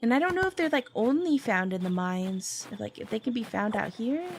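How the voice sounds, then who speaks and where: A woman's voice: fairly high pitch, expressive, normal speed, a little hiss or hum. A woman chatting casually on a gaming livestream as host, with a cute, bubbly anime-streamer delivery. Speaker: livestream host playing a video game.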